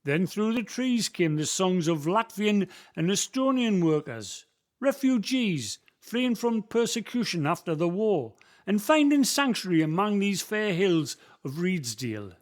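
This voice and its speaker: The actor playing Billy speaks with a high-pitched, sing-song voice, taking things a little slowly. In this community radio play, his Northumbrian-accented old local guides a visitor through the valley's history. He tells stories in broad dialect like a folksy storyteller.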